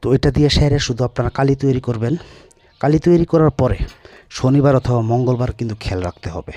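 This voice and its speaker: A man's voice: mid-range voice, quick pace, mellow, no room sound. A man, a folk healer giving brusque, repetitive spoken instructions to the camera. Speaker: folk healer demonstrating a ritual.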